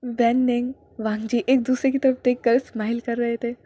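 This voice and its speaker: A woman storyteller reading a fan story aloud in a steady, plain narration. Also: on the high side, normal speed, no echo.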